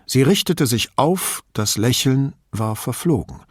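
A man narrating an audiobook with expressive, varied storytelling. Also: medium pitch, unhurried, slightly rough, no echo, clean studio sound.

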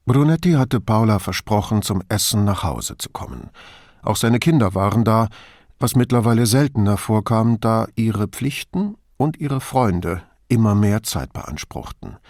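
Lively male audiobook narrator. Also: on the low side, unhurried, no echo, studio quality. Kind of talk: scripted narration.

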